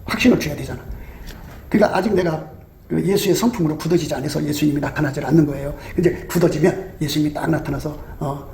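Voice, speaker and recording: A man's voice: a little high, fast, creaky, a little mellow. A man preaching a sermon, emphatic, full of rhetorical questions and quoted voices. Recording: echoey room with faint ambient noise.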